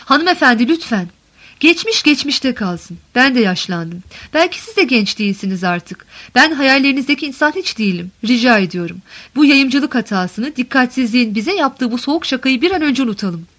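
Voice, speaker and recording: A woman's voice: high voice, expressive, moderate pace, fairly bright tone. A woman voicing an ageing male columnist who answers carefully and politely, with weary restraint, in an audiobook reading. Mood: cautious.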